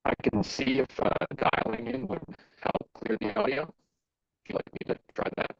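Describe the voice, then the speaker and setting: A man's voice: high-pitched, big pitch swings, moderate pace, gravelly, breathy edge. A man joining a council meeting by video call as a project manager, his voice choppy and breaking up over the connection while he speaks hesitantly with fillers. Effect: choppy breaking-up call audio. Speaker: assistant project manager presenting a study. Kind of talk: remote presentation to a council. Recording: dull, dry, lo-fi online call.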